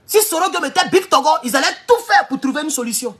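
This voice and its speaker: A man giving a heated political monologue, hammering rhetorical questions and sometimes shouting. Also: very high-pitched, animated, fast talker. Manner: emphatic, repeats rhetorical questions, bursts into shouting. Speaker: political commentator.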